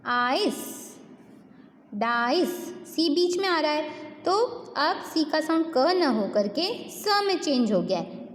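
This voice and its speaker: Woman, kindergarten teacher, slow drilled phonics delivery, echoey classroom with long reverb. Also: high-pitched. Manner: slow, repeats each sound, asks and answers questions. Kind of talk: phonics lesson for young children.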